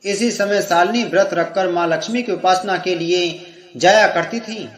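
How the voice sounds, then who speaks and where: A man tells a devotional story in a measured, reverent manner. His voice is high. The recording is roomy and echoey. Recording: echoey room.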